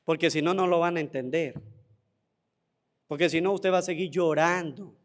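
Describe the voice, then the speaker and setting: A priest giving a homily at mass, with a Venezuelan Spanish accent, asking rhetorical questions and answering them himself, repeating phrases for emphasis. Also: male voice, fairly high pitch, steady tone, normal speed.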